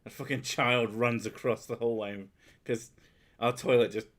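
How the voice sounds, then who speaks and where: With a medium-pitched voice, fairly even intonation and normal speed, a man hosting a stream talks casually with his partner. He swears freely, pokes fun at himself and laughs loudly, using headphones and a desk mic.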